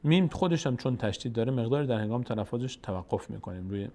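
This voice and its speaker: A man with a Tajik accent teaching a step-by-step Quran recitation lesson, explaining each rule and then chanting the example words slowly and drawn out. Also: medium pitch, lively intonation, warm tone.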